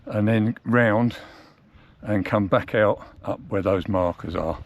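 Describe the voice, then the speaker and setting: A man, a motorcycle vlogger, talking casually to camera outdoors on a high mountain trail, thinking aloud in a chatty, plain-spoken way. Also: slow, lo-fi sound. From England. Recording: noisy outdoor recording.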